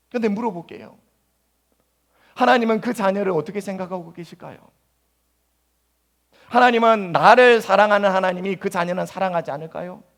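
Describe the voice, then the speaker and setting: A male pastor preaching a sermon in a church, acting out anguished prayers in a voice that jumps higher. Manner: acts out anguished prayers in a high voice. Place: church sanctuary.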